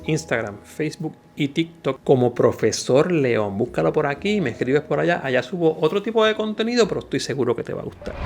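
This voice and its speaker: Higher-voiced Puerto Rican man teaching history, noisy background. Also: a bit bright. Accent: Puerto Rican Caribbean Spanish. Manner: didactic, emphatic, repeats key phrases. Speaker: history teacher and channel host. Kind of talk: informal educational history lecture.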